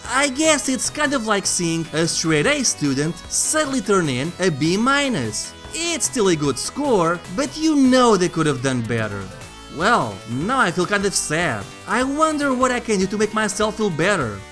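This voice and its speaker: A man's voice: high-pitched, very animated, moderate pace, a bit bright. A man narrating a scripted video game review as its host, conversational and wry. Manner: conversational, wry, jokey asides. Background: background music.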